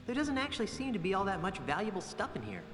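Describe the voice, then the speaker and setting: A man playing a wry, eager, naive young pirate hero in an animated adventure game, quipping on what he sees. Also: high voice, quick pace, music in the background. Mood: curious.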